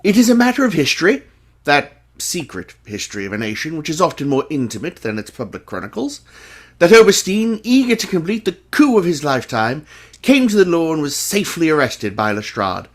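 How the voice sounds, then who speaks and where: An actor playing a genteel Victorian English doctor, narrating a radio play in a formal, literary storytelling manner. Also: male voice, a little high, big pitch swings, brisk. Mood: satisfied, reflective.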